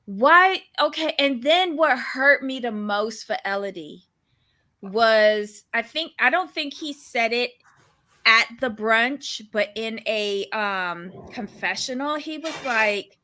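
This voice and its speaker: A woman's voice: on the high side, lively intonation, slow, bright, forceful tone. A woman co-hosting a reality-show recap, talking bluntly and sassily with exasperated reactions. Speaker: podcast co-host reviewing a reality show. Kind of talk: casual commentary chat.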